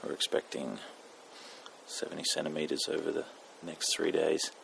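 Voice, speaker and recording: Very deep gravelly man, slow and easygoing. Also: flat delivery, a bit bright, slight background noise, rough recording. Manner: easygoing, halting, with pauses. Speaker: vlogger. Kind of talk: casual chat to camera. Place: outdoors in a snowy front yard.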